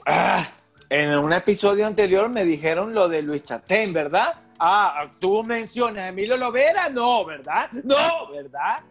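A man's voice: sits high, animated, unhurried, fairly bright tone, faint music behind. A man cracking teasing jokes in a casual chat among friends. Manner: teasing, wisecracking.

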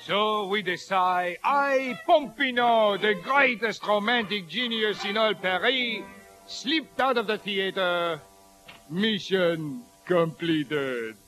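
An actor playing a boastful, self-satisfied Parisian romantic in a 1940s radio drama. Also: male voice, high-pitched, slow pace, over music. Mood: smug. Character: boastful romantic Parisian gentleman, self-styled genius, narrating. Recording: old radio broadcast with orchestra.

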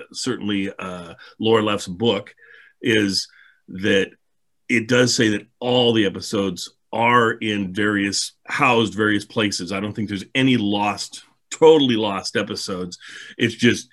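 A man hosting a podcast in casual, enthusiastic but halting conversational talk. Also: fairly low pitch, fairly bright tone. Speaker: podcast host.

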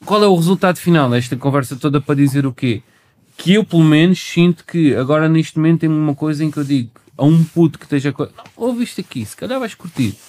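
A man's voice: a little high, quick pace, a little mellow. A man chatting casually as a rapper guest, slangy and emphatic, often repeating himself. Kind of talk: casual chat.

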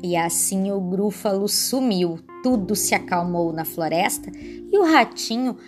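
A woman reading a children's picture book aloud in an expressive storytelling voice. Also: mid-range voice, measured pace, faint music behind.

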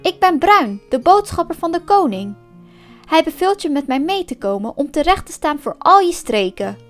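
A big, gullible bear from a storybook, greedy for honey and pleading with rising eagerness, as a woman reads him out. His voice runs high and jumps about wildly when he gets excited. Soft music plays faintly behind him. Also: normal speed. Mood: commanding.

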